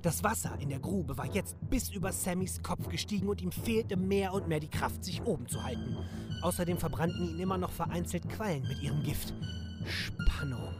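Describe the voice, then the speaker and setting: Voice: mid-range voice, huge pitch swings, fairly quick, over loud music. A narrator telling a comedy audio play in scripted narration.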